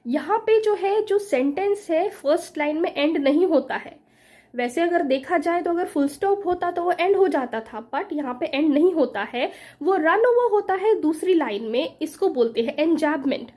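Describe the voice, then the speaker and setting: Woman, high voice, mellow tone, teacher, slow when quoting poems. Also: expressive. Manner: slow, drawn-out reading of quoted English verse. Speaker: English teacher. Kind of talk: explaining poetic devices in Hindi-English mix.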